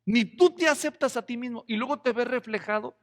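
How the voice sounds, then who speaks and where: Brief: male pastor, high tenor, jokey expository sermon, long hall reverb. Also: a little fast. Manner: lively, jokey, rhetorical questions to the congregation.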